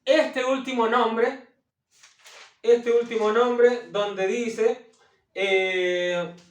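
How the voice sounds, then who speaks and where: A man teaching from the Bible as a preacher, repeating phrases for emphasis, asking his listeners questions and often pausing on hesitation sounds. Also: very high voice, fairly even intonation, distant mic. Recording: echoey room, voice set back from the mic.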